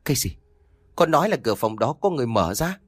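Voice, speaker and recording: A man's voice: mid-range voice, very animated, fast, breathy edge, no echo, clean studio sound. A man doing a doubtful, worried father. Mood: incredulous. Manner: questioning, puzzled.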